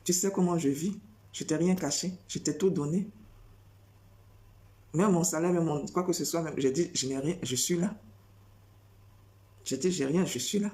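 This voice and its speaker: Woman preacher, sermon delivery; low, mellow tone, insistent and repetitive, heavy on rhetorical questions. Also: moderate pace, pauses often. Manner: insistent, repeats phrases and fires rhetorical questions.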